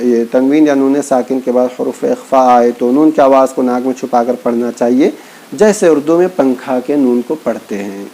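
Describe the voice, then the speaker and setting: A man's voice: mid-range voice, warm tone, poor audio. A man teaching Quran reading, patiently explaining and drawing out syllables as he recites letters. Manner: patient, repeats points, stretches syllables when reciting. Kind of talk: teaching lesson, spelling out letters.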